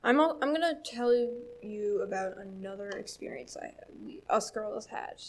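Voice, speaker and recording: A woman's voice: medium pitch, animated, normal speed. A young woman with a Newfoundland accent telling a story at church, chatty, with lots of fillers and laughs. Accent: Newfoundland English. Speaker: church speaker. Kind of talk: casual storytelling talk.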